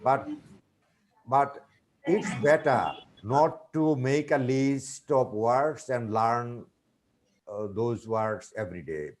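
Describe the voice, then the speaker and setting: A middle-aged man answering questions in a teaching webinar, speaking in a measured, teacherly way with many filler pauses and repeated points. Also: medium pitch. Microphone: video call.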